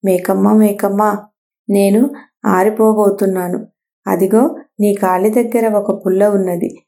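A woman's voice: mid-range voice, flat delivery, unhurried, mellow, lightly acted. A woman doing a dying fire begging for help. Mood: pleading. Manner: pleading.

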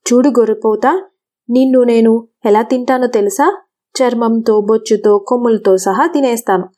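A starving, gullible storybook wolf, as a woman reading aloud puts it on, greedy in its threats and self-pitying in defeat. The voice sits a little high but stays mellow and soft-edged. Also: steady tone, moderate pace, close to an everyday voice.

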